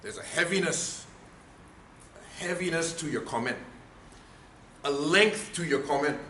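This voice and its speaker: A man's voice: on the high side, expressive, measured pace, sharp tone. A man giving a speaking workshop, emphatic and questioning the audience. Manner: emphatic, asks the room questions. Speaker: speaking trainer. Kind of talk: workshop lecture. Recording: echoey room, faint noise.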